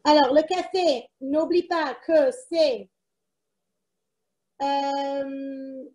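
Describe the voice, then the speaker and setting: A woman's voice: high voice, little pitch movement, extremely slow, warm tone, roomy sound, distant mic. A woman with a foreign accent in French presents a live cooking demonstration from a kitchen, chatting to herself as she works. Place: kitchen, indoors.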